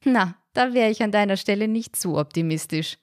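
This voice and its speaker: A woman's voice: lowish voice, very animated, moderate pace, dry recording. A woman voicing a mother who teases her daughter in a dry, mocking way. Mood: teasing. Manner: dry, teasing. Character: teasing mother of the family.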